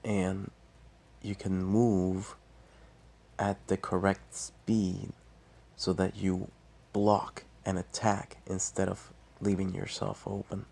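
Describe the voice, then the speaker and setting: Deep, gravelly man talking quietly, slowly. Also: flat delivery. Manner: quiet, subdued late-night delivery; halting, pausing mid-phrase. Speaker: martial arts vlogger. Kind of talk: casual solo talk explaining fighting technique.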